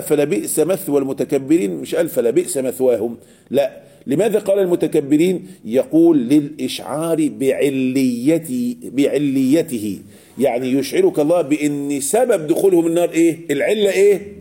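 A man's voice: fairly high pitch, fast, warm tone, husky. A man with an Egyptian Arabic accent teaching a lesson on Quranic verses, often asking the class a question and answering it himself. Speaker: religious teacher.

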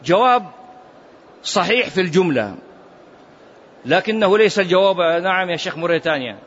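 A man teaching a religious class, quizzing his students with animated, mocking asides. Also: high-pitched, fairly quick, highs cut off, a little hiss or hum. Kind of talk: classroom lesson.

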